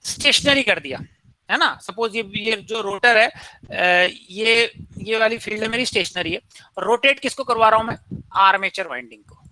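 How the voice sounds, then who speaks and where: A man's voice: high voice, normal speed, bright, forceful tone, no room sound, rough recording. A man giving a classroom engineering lecture, posing questions to students and answering them himself, mixing in English technical terms.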